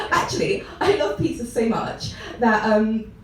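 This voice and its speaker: A woman's voice: a little high, animated, a little slow, a little hiss or hum. Giggly young woman doing stand-up. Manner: giggly, rambling, many ums and self-interruptions. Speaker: stand-up comedian. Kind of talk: stand-up comedy set. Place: comedy club room. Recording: echoey club room, mic heard from a distance.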